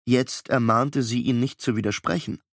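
A man narrating a children's audiobook in a calm, even storytelling manner. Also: medium pitch, normal speed, dry recording, clean studio sound.

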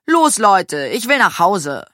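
A woman's voice: medium pitch, big pitch swings, takes it slowly, pushed and bright, no room sound, studio quality, voice pushed up, heavily acted. A woman voicing a whiny, impatient young girl in a children's storybook. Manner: whining.

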